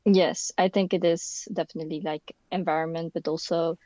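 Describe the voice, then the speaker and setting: This university student, originally from the Philippines but brought up in the Netherlands, appears as a guest on a podcast, talking loosely and filling gaps while she hunts for words. She speaks at a moderate pace in a lowish, mellow voice with flat delivery. The indoor room gives no echo.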